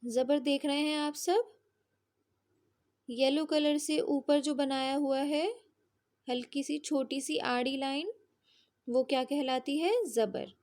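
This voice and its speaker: Female teacher, young class; high voice, slow and patient drilling. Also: fairly even intonation, darkish tone. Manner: patient, drawn-out spelling drills with frequent check-ins. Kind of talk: slow children's lesson.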